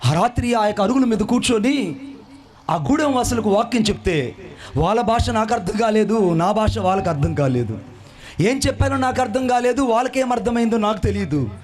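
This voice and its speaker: A man preaching a fervent sermon, telling his own story and rising into shouts and chanted phrases. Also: high voice, lively intonation, a little fast. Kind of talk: sermon with personal testimony.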